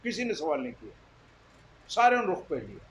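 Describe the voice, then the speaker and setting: A man's voice: a little high, very animated, slight background noise, low-quality recording. A man preaching a sermon, emphatic and questioning his listeners directly. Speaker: Islamic preacher. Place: Jeddah.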